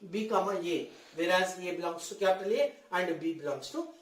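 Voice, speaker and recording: A male teacher giving a board lesson, dictating slowly in short phrases that he often repeats. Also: high voice. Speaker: mathematics teacher. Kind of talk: board lesson for senior school students. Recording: echoey room sound.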